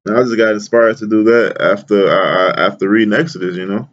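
A man reading Bible verses aloud and explaining them in a casual, slangy, excited way, often repeating words and calling the listener "man". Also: on the low side, a little fast, lo-fi sound, slight background noise. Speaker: bible teacher. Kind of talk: casual scripture reading and commentary.

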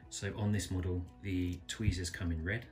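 A man calmly reviewing a small pocket knife, thinking aloud and correcting himself as he goes. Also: low voice, moderate pace, soft background music. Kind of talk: casual product review narration. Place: indoors at a table, filming hands close up.

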